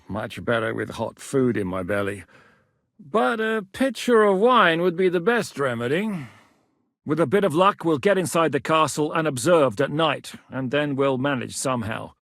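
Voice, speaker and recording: In these game voice lines, a battle-hardened knight commander speaks bluntly and commandingly, swearing freely. His fairly high voice rises and falls in wide, lively swings, captured in a close, completely dry recording.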